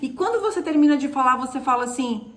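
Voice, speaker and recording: A woman's voice: sits high, expressive, quick pace, fairly bright tone. A middle-aged woman from Brazil, co-hosting a mentoring live stream in an emphatic, instructive way that speaks to viewers directly. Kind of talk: casual mentoring talk.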